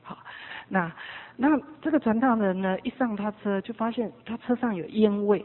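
A woman preaching a sermon, swinging between loud exhortation and hushed tones, telling stories with quoted dialogue. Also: medium pitch, normal speed. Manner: storytelling with quoted dialogue and small laughs. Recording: tinny phone-like sound.

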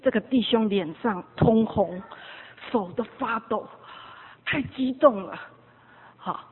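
Woman preacher, fairly high voice, fervent sermon, loud then hushed, tinny phone-like recording. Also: slow pace, a little hiss or hum. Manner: fervent, swings from loud exhortation to hushed tones; storytelling with quoted dialogue and small laughs.

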